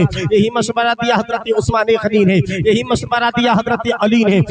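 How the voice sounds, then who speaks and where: A male preacher with an Urdu-inflected Moradabad accent, telling a story as a sermon in a dramatic, chanting way with repeated refrains. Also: high-pitched. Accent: Urdu-inflected Hindi from Moradabad.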